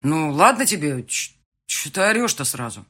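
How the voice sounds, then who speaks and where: A man playing a loud, oblivious fiancé. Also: sits high, big pitch swings, moderate pace, breathy edge, heavily acted. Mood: puzzled. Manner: loud, calling from behind a door. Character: anxious, oblivious young fiancé calling through a door. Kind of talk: audiobook dialogue reading.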